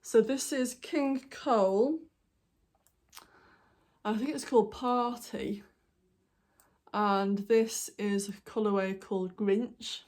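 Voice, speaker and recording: A woman from the UK with hiccups hosts a knitting podcast, showing her projects in a loose, rambling show-and-tell vlog packed with ums and apologies. Her mid-range voice is darkish with fairly even intonation, and she speaks slowly with long pauses.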